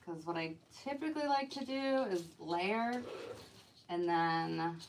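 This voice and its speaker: A woman's voice: on the low side, expressive, slow, slight background noise, poor audio. Chatty woman crafting on a live stream. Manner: chatty, rambling, many "like" fillers; talks to herself while working. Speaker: wreath designer hosting a live stream. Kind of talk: casual live-stream chat while crafting.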